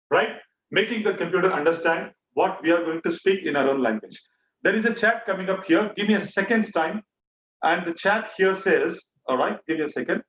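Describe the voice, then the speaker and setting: An online bootcamp instructor with an Indian accent and a high, slightly bright voice teaches a class interactively. He repeats key phrases and questions for emphasis. The recording is echoey, with a distant mic and faint noise.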